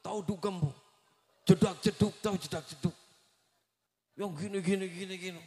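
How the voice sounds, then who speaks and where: Animated high-voiced preacher in echoey hall. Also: male voice, fairly quick. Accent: West Javanese. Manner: animated storytelling, acts out voices, asks the audience questions. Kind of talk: comic storytelling sermon. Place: large echoey venue at a live gathering. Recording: echoey hall with long reverb.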